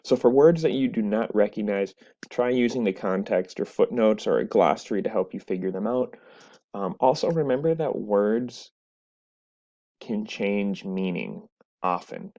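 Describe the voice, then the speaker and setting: A man's voice: lowish voice, unhurried, dark tone. Male teacher, recorded lecture over a webcam, slightly dull sound, patient explanations. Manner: explanatory, with frequent "right?" and "so".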